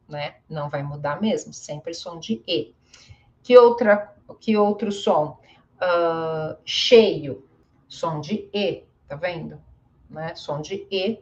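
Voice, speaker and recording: A woman's voice: mid-range voice, a little mellow. A woman teaching pronunciation in a casual lesson, patiently repeating example words and often asking "né?". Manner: patient, drawn-out examples, frequent "né?". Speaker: Portuguese teacher. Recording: dull lo-fi audio.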